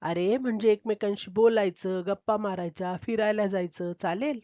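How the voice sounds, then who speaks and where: A woman's voice: medium pitch, steady tone, normal speed, dark tone, dry recording, lightly acted. A woman voicing a lonely male cat who keeps coaxing animals into being his friend, in a chatty storybook manner. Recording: dull, dry lo-fi recording.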